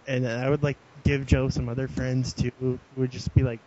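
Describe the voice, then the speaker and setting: A man's voice: medium pitch, little pitch movement, moderate pace, mellow. Young male co-host, chatty and filler-heavy, on muffled lo-fi audio. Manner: rambling, laughs often, many "like" fillers. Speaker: podcast co-host. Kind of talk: casual chat. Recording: dull lo-fi podcast audio with faint hiss.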